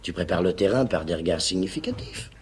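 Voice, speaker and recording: A man's voice: low voice, expressive, a little fast, a little hiss or hum. A man voicing a worldly, self-assured male teacher who coaxes his friend knowingly, in a live radio reading of a play. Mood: coaxing. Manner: knowing, coaxing.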